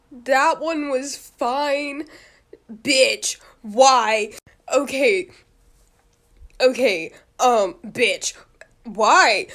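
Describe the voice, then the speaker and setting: A woman's voice: on the high side, fairly bright tone. A woman making a casual comedy video, blurting out random words and laughing at herself in disbelief. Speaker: TikTok creator.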